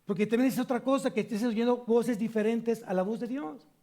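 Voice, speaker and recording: Pastor, male, high and mellow voice, emphatic sermon delivery with questions to the congregation. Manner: preaching with rhetorical questions to the congregation; slow emphatic reading of scripture. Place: church service.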